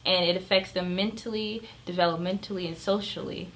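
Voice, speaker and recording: A woman who is a pediatric emergency doctor, giving measured, earnest answers in an interview. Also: lowish voice, steady tone, a bit bright, low-quality recording.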